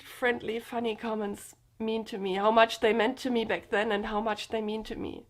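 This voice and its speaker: A young woman vlogger speaking earnestly and emotionally to her viewers, sharing a personal story and addressing them directly. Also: a little high. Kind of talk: personal confessional vlog.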